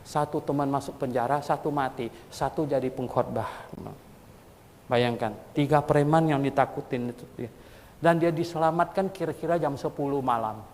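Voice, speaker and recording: A male pastor preaching a sermon in a colloquial, lively storytelling manner, his voice leaping high when he acts out quotes. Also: normal speed, slight background noise. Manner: colloquial Jakarta-style speech with frequent "gitu". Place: church hall. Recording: long church hall reverb.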